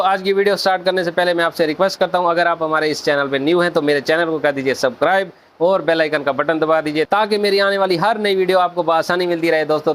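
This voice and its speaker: A man hosts a casual video lesson on Korean pronunciation, addressing viewers as friends and slowly spelling out sounds. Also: fairly high pitch, fairly bright tone. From Pakistan. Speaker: Korean language teacher, channel host.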